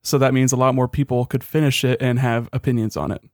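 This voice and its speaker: A man's voice: medium pitch, little pitch movement, fast talker, dry recording, clean studio sound. A young man co-hosting a podcast in an easygoing, rambling and wry way, talking through games. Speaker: podcast co-host. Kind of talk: casual chat.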